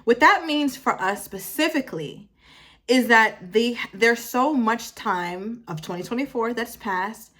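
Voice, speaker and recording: In her twenties, this motivational vlogger gives her viewers a casual talk, emphatic and animated, hammering points home by repeating phrases and pausing to correct herself. Her voice is fairly high and a bit bright, with a measured pace.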